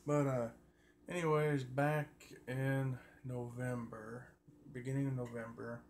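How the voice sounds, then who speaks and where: A man's voice: mid-range voice, level tone, slow pace, a little mellow. A man chatting casually and folksily to his viewers, rambling along in a colloquial way into a phone. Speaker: livestream host. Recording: noisy phone recording with background ambience.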